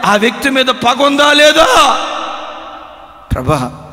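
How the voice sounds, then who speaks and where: A man preaching a sermon as pastor, with passionate shouts that drop to hushed tones. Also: very high-pitched, big pitch swings, slow. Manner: impassioned preaching with sudden shouts and hushed drops. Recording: echoey hall reverb.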